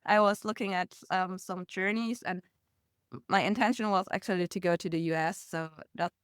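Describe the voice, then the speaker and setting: Young woman, smooth clear voice, dry close sound, casual storytelling. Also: mid-range voice, fairly even intonation, moderate pace, no room sound. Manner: storytelling with laughs and acted quotes. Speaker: podcast guest. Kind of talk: casual conversational interview.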